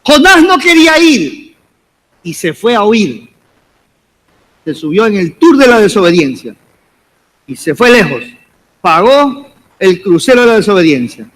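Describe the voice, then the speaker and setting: With a high-pitched, very animated, fairly bright voice, a pastor delivers his sermon unhurriedly and pauses often. He calls out to the congregation again and again as brother, his exhortations rising each time.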